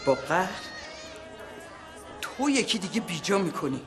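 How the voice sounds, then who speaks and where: An actor playing a stern, domineering older father in a TV drama, with a gruff, commanding way of talking. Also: sits high, very animated. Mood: angry. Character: stern, bossy old father. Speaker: scolding father. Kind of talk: TV drama acting. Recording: loud music and crowd behind.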